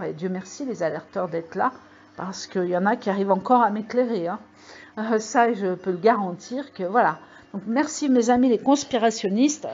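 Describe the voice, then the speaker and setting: A woman's voice: mid-range voice, a little mellow, husky. Rambling woman with dull-toned audio. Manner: rambling, many fillers, emphatic warnings. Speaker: video channel host. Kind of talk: casual monologue to viewers. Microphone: microphone. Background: computer mail alerts.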